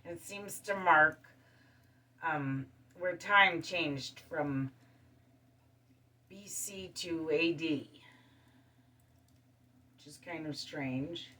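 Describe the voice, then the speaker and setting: A woman hosting her show, talking calmly in a casual monologue and listing things one by one. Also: sits low, very slow, pauses often, recorded from a distance. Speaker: show host. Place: studio.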